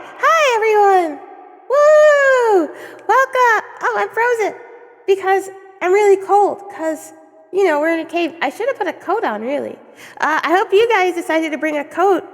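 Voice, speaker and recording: A woman's voice: very high-pitched, a bit bright. A woman streamer chatting casually with viewers, giggly and rambling, stumbling over words, her voice echoing through a cave. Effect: cave echo. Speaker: livestream host. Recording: long echoing cave reverb.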